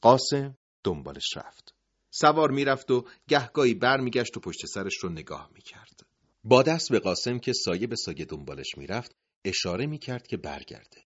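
A man narrating a dramatic story, dropping to hushed tones at the end of sentences. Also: medium pitch, sing-song, slightly rough. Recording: dull lo-fi recording.

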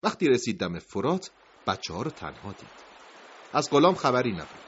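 A man's voice: medium pitch, big pitch swings, fairly bright tone, slightly rough. A man narrating a dramatic story in a grave, emotive voice, in a dull lo-fi recording.

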